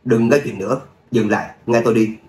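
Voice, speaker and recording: A man voicing an arrogant, calm young heir in a roomy recording, speaking in a smug, unhurried way. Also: medium pitch, close to an everyday voice. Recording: roomy echo, faint hum.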